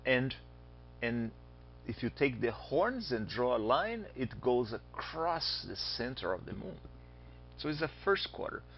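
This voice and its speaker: This Brazilian astronomy teacher speaks with a Brazilian Portuguese accent at medium pitch, very animated yet unhurried. His lecture is conversational, full of questions to students and joking asides. Slight background noise sits under the dull, lo-fi recording.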